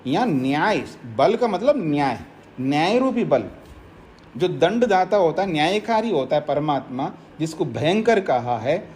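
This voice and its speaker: A man's voice: a little high, expressive, a little slow, a little mellow, slight background noise. A man, a swami, giving a spiritual discourse, explaining points by repeating them and using everyday examples. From India. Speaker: swami teaching scripture.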